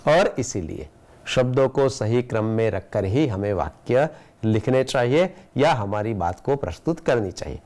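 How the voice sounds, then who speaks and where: An Indian-accented man speaks as a schoolteacher giving a recorded lesson. His pitch sits in the ordinary middle range for a man. He explains step by step, asks his students rhetorical questions, and slows down to read each example sentence with care. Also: darkish tone. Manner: slow, deliberate reading of example sentences. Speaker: school teacher.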